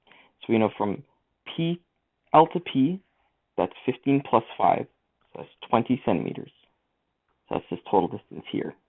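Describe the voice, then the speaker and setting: A man teaching a math lesson, talking through each step of the working aloud. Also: medium pitch. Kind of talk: screen-recorded lesson walkthrough. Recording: tinny lo-fi mic.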